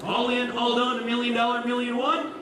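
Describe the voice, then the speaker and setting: A man's voice: extremely high pitch, little pitch movement, brisk. A man working as an auctioneer, calling bids in a repetitive, sing-song auction chant. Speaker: auctioneer officiating a wedding. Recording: roomy, echoing, noisy, distant microphone.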